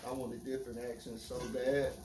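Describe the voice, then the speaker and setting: Deep-voiced woman rambling over a sizzling pan. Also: flat delivery, a little fast, very noisy. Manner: rambling, swears casually, talks to self. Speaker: home cook vlogger. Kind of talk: casual cooking vlog chat. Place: home kitchen at the stove. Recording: roomy, distant mic, loud sizzling pan. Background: frying, sizzling, clattering pots and pans.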